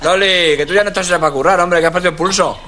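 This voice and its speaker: A man's voice: sits high, steady tone, racing, music in the background, lightly acted. A middle-aged actor playing a lazy, teasing husband who mocks his wife in a sitcom. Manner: teasing, smug, mocking. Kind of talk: sitcom acting.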